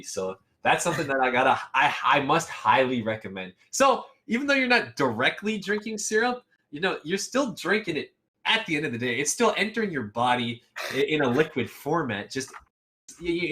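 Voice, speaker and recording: Bright-voiced, playful young male caster. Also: mid-range voice. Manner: rambling, playful and excitable. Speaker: esports caster. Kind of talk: casual live game commentary.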